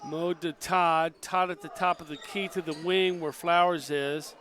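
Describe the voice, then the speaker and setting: Guy doing color on a high school girls game, kinda high voice, yelling advice at the players. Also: steady tone, measured pace, a little hiss or hum. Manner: partisan, coaching the players from the booth. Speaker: color commentator. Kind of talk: local high school basketball commentary.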